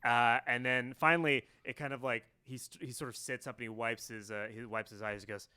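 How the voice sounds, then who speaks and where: A man narrating as game master of a tabletop game, in fast, joking narration with swearing. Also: medium pitch, fairly even intonation, bright, forceful tone, smooth.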